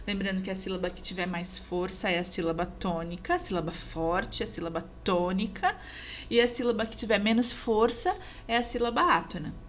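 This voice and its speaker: A woman teacher narrating a review lesson over slides, measured and clear, stressing each example word. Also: mid-range voice, a little hiss or hum.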